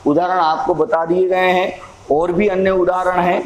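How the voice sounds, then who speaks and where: A Hindi grammar teacher explains at a slow, unhurried pace, his high voice held level in a flat delivery with little rise or fall. He patiently repeats points and clears his throat now and then. The room echoes, with a faint ambient hum behind him.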